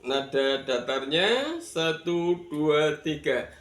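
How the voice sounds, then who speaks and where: A man's voice: fairly high pitch, expressive, takes it slowly, fairly bright tone. A man from Indonesia teaching Quran reading rules, patiently spelling out letters and counting learners in. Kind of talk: tajwid lesson with recitation. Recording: echoey room.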